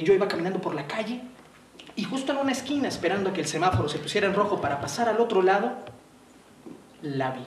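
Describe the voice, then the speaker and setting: A man from Mexico's southern coast with a Mexican accent, telling a story to young people with playful, dramatic pitch swings and slowdowns. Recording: roomy, distant mic, faint noise.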